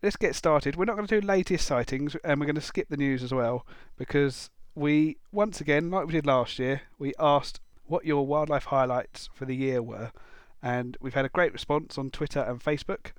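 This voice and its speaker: A man's voice: fairly high pitch, normal speed, hardly any pauses, smooth, no room sound. A man hosting a wildlife podcast in casual chat, jokey and self-deprecating, reading out listener messages. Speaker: podcast host.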